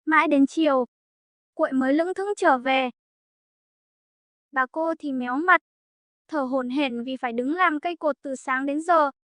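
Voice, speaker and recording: High-voiced woman reading a folk tale. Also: unhurried, long pauses, fairly bright tone, no echo. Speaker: storyteller.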